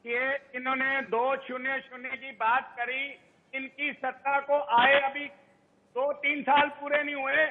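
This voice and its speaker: Shouting man on a distorted phone line. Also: very high voice, big-room sound. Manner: loud, shouting delivery. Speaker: political analyst. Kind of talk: heated debate argument.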